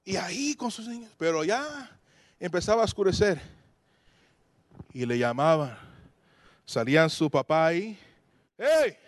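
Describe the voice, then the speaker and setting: A man's voice: a little high, lively intonation, measured pace, long pauses, no room sound. A man preaching a sermon to his congregation, telling stories animatedly, acting out voices and dropping English phrases into his talk.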